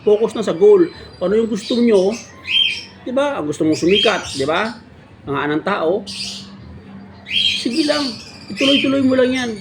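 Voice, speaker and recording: Male vlogger, high voice, mock-preachy sarcastic monologue, background noise and birds. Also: expressive, normal speed, long pauses. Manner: sarcastic, keeps asking "di ba?". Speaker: motovlogger.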